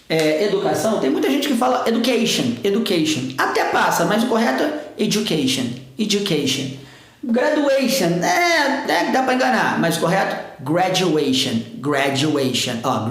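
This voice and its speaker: Brazilian teacher in a very echoey room. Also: male voice, on the high side. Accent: Brazilian Portuguese. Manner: explains patiently, repeats example words slowly. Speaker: English teacher. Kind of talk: video lesson on pronunciation.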